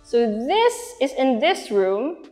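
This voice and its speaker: A young adult woman with a Filipino accent gives a casual real estate walkthrough, chatting as she moves through large empty rooms. Her voice is high, sing-song, slow and a little mellow, with long empty-room reverb and music behind her.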